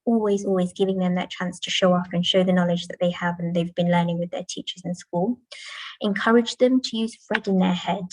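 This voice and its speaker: A woman's voice: lowish voice, fairly even intonation, a little fast, no room sound, low-quality recording. A woman teacher giving a talk to parents, explaining patiently and modelling classroom chants. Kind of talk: presentation to parents. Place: school, indoors.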